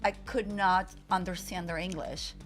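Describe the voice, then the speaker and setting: A woman's voice: on the low side, fairly even intonation, normal speed, soft background music. A woman hosting a casual radio interview, chatty and laughing often. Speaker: radio show host.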